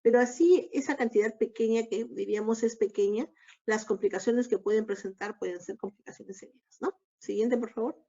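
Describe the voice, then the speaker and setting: A woman giving a recorded obstetrics lecture, explaining each slide in a measured way. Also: a little high, mellow. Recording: dull lo-fi lecture audio.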